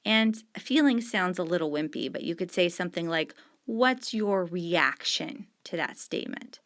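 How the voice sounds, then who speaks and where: While marking up the page on screen with a pen, a middle-aged female teacher patiently explains discussion questions, putting stress on key words. Her voice is on the low side, expressive, fairly bright in tone, and at a normal speed.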